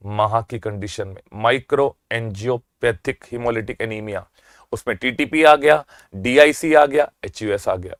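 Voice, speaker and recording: A man with an Indian accent giving a rapid-fire revision lecture as a medical exam lecturer. He is energetic and teasing, quizzes the class, answers his own questions and stretches key terms out slowly. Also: medium pitch, no echo, studio quality.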